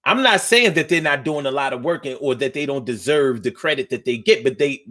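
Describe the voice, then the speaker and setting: A man's voice: medium pitch, brisk, pushed and bright. A man of fifty hosting a call-in talk show, speaking with passion and often repeating words as he builds his point. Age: 50s.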